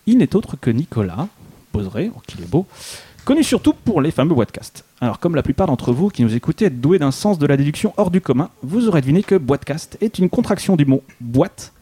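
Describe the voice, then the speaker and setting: A man's voice: a little high, big pitch swings, fairly quick, dark tone, slightly rough. A man co-hosting a radio show, reading a mock-solemn, ironic introduction. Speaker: co-host. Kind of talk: scripted humorous introduction.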